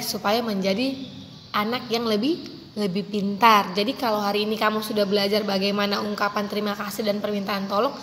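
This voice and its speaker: A woman teacher with a high, bright voice talks young pupils through a lesson, coaxing and gentle, calling them dear. She sometimes acts out a child's requests in a squeaky voice. Her voice rings with a long hall reverb over faint room noise. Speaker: primary school teacher.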